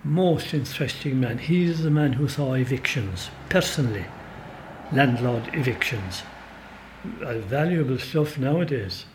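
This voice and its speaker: An older Irish folklorist with a Kerry accent chats as a guest in the back of a pub, telling rambling, emphatic stories in a relaxed, conversational way. His medium-pitched voice is animated and a little slow, with background noise around him.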